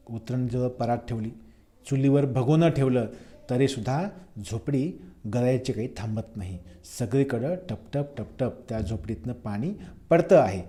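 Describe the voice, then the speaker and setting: Mellow-voiced male teacher explaining a poem. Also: on the high side. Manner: repeats lines slowly and glosses dialect words. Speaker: college teacher.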